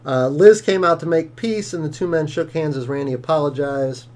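A man with a somewhat high voice talks through a match in relaxed commentary. He recaps history in an informative, matter-of-fact way and slips in dry jokes. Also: normal speed. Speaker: co-host of a wrestling watch-along.

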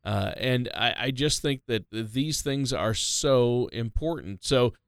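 A man co-hosts a money show on talk radio, cheerfully summing up and handing questions over to the host. His voice is smooth and resonant, with a dry, close studio sound. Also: medium pitch, slow pace, dry recording. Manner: upbeat, recaps and sets up questions.

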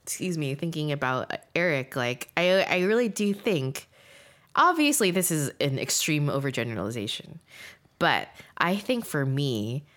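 A woman's voice: low voice, big pitch swings, normal speed, a bit bright. A woman in her thirties co-hosting a podcast, chatting casually and reflectively, thinking aloud in a rambling way. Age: 30s. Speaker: podcast co-host.

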